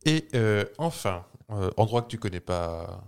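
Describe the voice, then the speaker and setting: A man's voice: fairly low pitch, lively intonation, a little slow, vocal fry, clear, resonant tone. A man co-hosting a casual podcast chat, posing trivia questions with a teasing, playful manner and frequent laughs. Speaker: podcast co-host.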